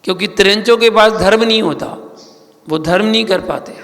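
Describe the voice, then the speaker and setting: A man, a Jain monk, giving a sermon, teaching slowly with repeated phrases and questions to his listeners. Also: high voice, a bit bright, in a large hall. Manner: slow, repetitive teaching with questions to the audience.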